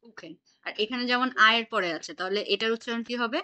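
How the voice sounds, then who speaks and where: A woman's voice: fairly high pitch, quick pace, sharp tone. A woman teaching an online German class, patiently quizzing her students on pronunciation over a video call.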